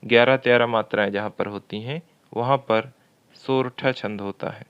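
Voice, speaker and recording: A man's voice: medium pitch, steady tone, clean tone, lo-fi sound. A man teaching a Hindi grammar lesson for exam preparation, reading each question twice and working through it step by step. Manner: slow and methodical, repeats questions aloud.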